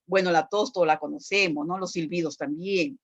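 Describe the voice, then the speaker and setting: A woman's voice: fairly low pitch, fairly even intonation, normal speed, lo-fi sound. A woman teacher giving a recorded class lecture, explaining step by step and checking in with frequent "¿no?" tag questions and "este" fillers.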